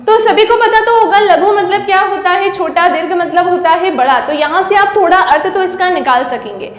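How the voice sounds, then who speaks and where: At a normal pace, a female Hindi teacher with a very high voice leads a classroom-style lesson, repeatedly asking her listeners questions and answering them herself. The recording is in an echoey, roomy space with a long reverb.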